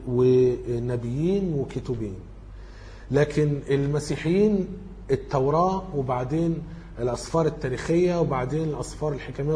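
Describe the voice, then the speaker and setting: A man's voice: medium pitch, dark tone, slight background noise. A man with an Egyptian Arabic accent giving an informal lecture, working through study questions and thinking aloud as he corrects himself.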